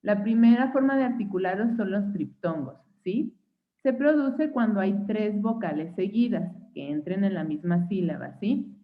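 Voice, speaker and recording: A woman's voice: mid-range voice, lively intonation. Mexican woman teaching over a tinny line. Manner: checks in with frequent "¿sí?" and "¿va?"; patient, spells out examples slowly. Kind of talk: online phonetics class.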